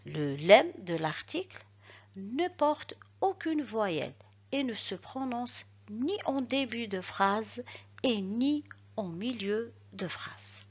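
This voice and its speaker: A woman teacher speaks at a very slow, deliberate pace, repeating each example word carefully. Her voice is slightly husky and her pitch moves in a lively way. The recording sounds dull and lo-fi. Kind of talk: recorded reading lesson.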